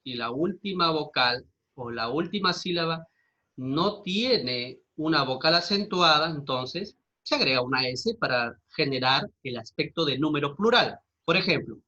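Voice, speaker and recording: A man's voice: a little high, sharp tone, muffled recording. A male teacher giving a grammar lesson, explaining step by step and often checking with his students. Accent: Peruvian Spanish.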